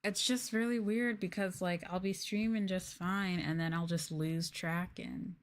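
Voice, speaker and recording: On the low side, her voice holds a steady tone and an unhurried pace. The woman, a VTuber streamer, chats softly and informally with her viewers, rambling and peppering her speech with "like" and "y'all."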